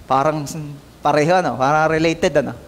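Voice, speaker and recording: A man's voice: on the high side, a little fast. A male pastor preaching a sermon in church, mixing English into his talk and calling out to the congregation for answers. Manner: lively, calls out to the congregation for responses; mixes English into Filipino. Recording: long hall reverb.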